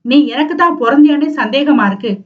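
A woman voices a harsh middle-aged father who rants fast and bitterly. The recording sounds dull and lo-fi. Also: high-pitched, far from the mic, lightly acted. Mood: ranting. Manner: ranting, fast.

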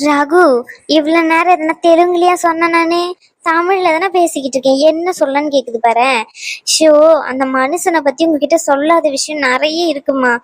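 Lady voicing a fed-up young wife, firm and scolding, high-ish voice, dry mic. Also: fairly even intonation, dry recording, close to an everyday voice. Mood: determined. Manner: emphatic, scolding, fast. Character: strong-willed young wife fed up with husband. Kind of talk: cartoon dubbing.

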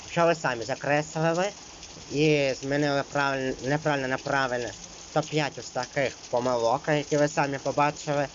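A man's voice: medium pitch, steady tone, brisk, muffled recording, a little hiss or hum. A man teaching an exam-prep lesson, reading out rules and then explaining them loosely, with many fillers.

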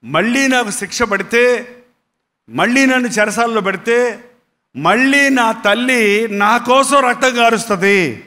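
A man's voice: sits high, bright, forceful tone, full character voice. A man voicing a remorseful young ex-gambler who firmly refuses his old friend, told within a sermon. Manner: firm, resolute refusal.

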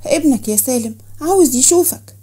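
Coy wheedling Egyptian young woman played by a female narrator, higher pitch, husky, fast. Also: expressive, warm tone. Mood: cool, teasing.

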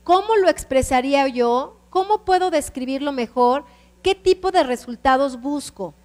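A woman's voice: high-pitched, animated, normal speed, a little mellow, long reverb tail. A woman with a Mexican Spanish accent teaching a computer class, explaining step by step and often checking that the students follow.

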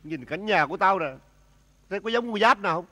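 A man's voice: sits high, fast, pushed and bright. A man playing out a comedy sketch, wailing and lamenting in an overdone way. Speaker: comic actor. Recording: music playing behind the voice.

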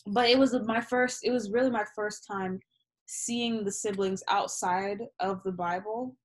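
In a mid-range voice at a measured pace, a young woman poet whose first language is Yoruba discusses her writing. It's a casual, reflective interview over a laptop webcam video call from a small room at home, and she's animated, gesturing and candid, swearing freely.

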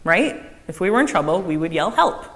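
A woman giving a children's message in a church service, asking the kids lively questions and echoing back their answers. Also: on the low side, brisk. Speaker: director of faith formation giving a children's message. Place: church sanctuary with a choir. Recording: long church reverb, faint room noise.

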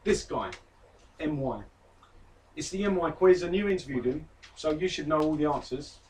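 A man's voice: a little high, lively intonation, normal speed, darkish tone. A man co-hosting a casual podcast, running a quiz for his friend in a teasing, playful way. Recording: distant mic with faint background noise.

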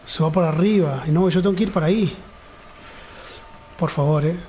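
A man's voice: on the high side, moderate pace, warm tone, slight background noise, rough recording. A man with a Rioplatense Spanish accent narrating a horror game, muttering nervously and frightened to himself. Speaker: gamer. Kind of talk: horror game let's play commentary.

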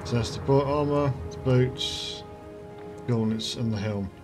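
A man with a mid-range voice hosts his gaming channel, chatting casually at a measured pace as he plays and thinking aloud while reading out item stats. Game music sits clearly behind his voice.

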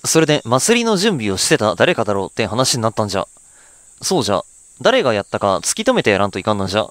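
A man's voice: on the low side, huge pitch swings, fast talker, a bit bright, dry recording. A man voicing a stubborn, suspicious old village man with old-fashioned speech. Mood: stern.

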